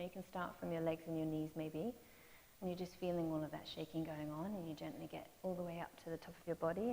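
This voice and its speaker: A woman gently leading parents through mindfulness and movement exercises, giving soft cues to breathe. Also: lowish voice, vocal fry. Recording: long reverb with faint hiss.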